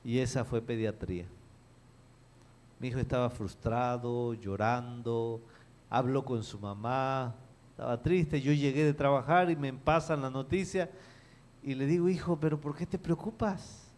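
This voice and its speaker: A middle-aged man, a pastor telling a story in a sermon with emphatic pauses and acted quotes. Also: medium pitch, fairly even intonation, darkish tone.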